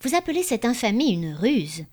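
A woman's voice: fairly high pitch, sing-song, normal speed, a little mellow, voice pushed up. Woman reading as a proud provincial baroness. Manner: proud, moved but teasing.

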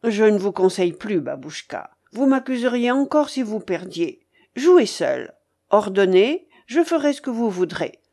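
A woman voicing a dutiful, cautious young man who speaks in a measured, deferential way, in an audiobook. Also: medium pitch, very animated, mellow. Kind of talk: audiobook character voice.

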